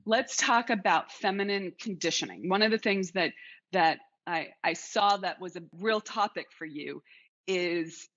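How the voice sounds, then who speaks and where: A woman's voice: on the low side, unhurried, a bit bright. Woman interview host, reflective, restarts phrases; muffled lo-fi audio. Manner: thoughtful, restarts phrases, steers the talk. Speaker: podcast host. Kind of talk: casual interview chat.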